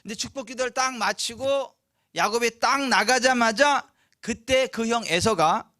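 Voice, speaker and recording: A male pastor preaching a sermon, reading scripture slowly and asking the congregation rhetorical questions. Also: very high-pitched, bright, forceful tone, no echo, clean studio sound. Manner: slow, weighty scripture reading.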